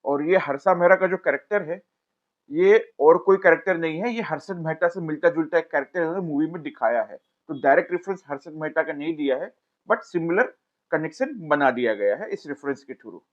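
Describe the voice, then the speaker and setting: A man's voice: a little high, animated, a little fast. Chatty male film reviewer, lo-fi sound. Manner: chatty, addresses viewers directly, pleads to subscribe. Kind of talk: casual video review narration.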